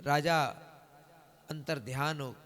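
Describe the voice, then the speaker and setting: A man telling a devotional story at a religious gathering. He calls on the crowd to respond and breaks into long, drawn-out sung verses. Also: a little high, fairly even intonation, fairly bright tone. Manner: switches into long drawn-out singing. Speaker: devotional storyteller at a night vigil. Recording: long reverb of a hall.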